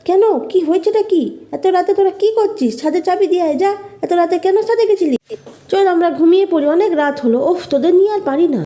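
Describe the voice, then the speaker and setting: A fretful middle-aged mother, played by a woman, fusses over her children in a very high, dark-toned voice. She scolds in one breath and cries out in panic the next. The role comes from a radio-style horror story. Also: fast talker, soft background music. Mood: scolding. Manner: fussing and scolding, breaking into frightened cries.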